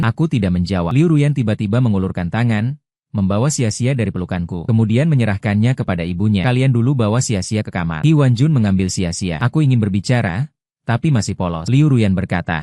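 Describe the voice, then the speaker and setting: A man narrating a first-person family drama story, reading every character's lines in an even read-aloud delivery. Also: lowish voice, no echo, clean studio sound.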